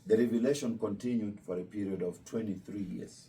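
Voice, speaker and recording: An imam from Kenya, a native Luo speaker, talks about his faith to visiting students in a low, very dark and mellow voice. He is patient and restates the key points slowly. With the microphone at a distance, faint room noise sits in the background.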